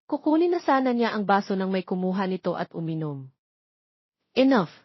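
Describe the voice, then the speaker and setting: Reading a scripted romance, a female audiobook narrator uses a mid-pitched, slightly husky voice with big pitch swings and a slightly fast pace. The recording is close and dry, though a little dull.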